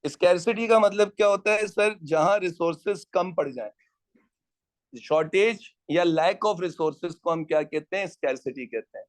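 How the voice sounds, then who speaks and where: A man's voice: sits high, a little slow. A man teaching an economics class, lecturing and quizzing students and teasing latecomers.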